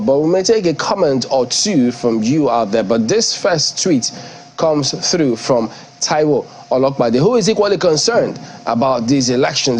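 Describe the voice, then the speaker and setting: Hoarse Nigerian male news host. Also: mid-range voice, darkish tone, slight background noise. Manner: measured, formal broadcaster delivery. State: hoarse, losing his voice. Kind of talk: broadcast presenting and reading viewer comments.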